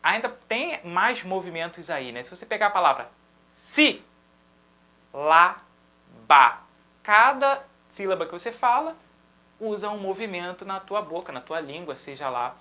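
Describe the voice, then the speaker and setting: A Brazilian man teaching a drum lesson, patiently explaining and chanting syllables in a steady rhythm to demonstrate. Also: high-pitched, normal speed. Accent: Brazilian Portuguese.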